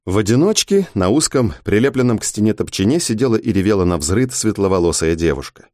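Male audiobook narrator, lively intonation, dry close recording. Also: fairly low pitch, quick pace, no echo. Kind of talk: audiobook reading of a first-person story.

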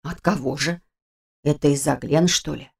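A woman voicing a fussy elderly female cook who scolds with care, in a lower, hushed, hoarse and folksy voice. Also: normal speed, heavily acted. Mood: worried scolding.

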